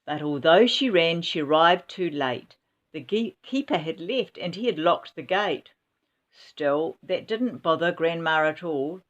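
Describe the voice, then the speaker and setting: A woman reading a rhyming children's story aloud in an expressive, dramatic way, with exclamations. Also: low voice, a little slow, muffled recording.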